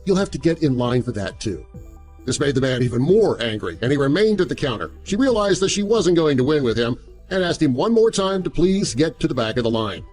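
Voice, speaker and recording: Animated higher-pitched male narrator. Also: a little fast. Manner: animated storytelling. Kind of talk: scripted story narration. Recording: music under the voice. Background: background music.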